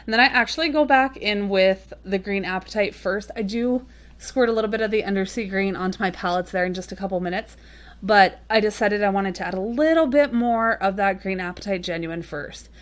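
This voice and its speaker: A woman's voice: mid-range voice, a little fast. A woman talking casually through a watercolor painting tutorial, chatty and rambling with frequent ums and little apologetic asides. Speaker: watercolor card-making tutorial host.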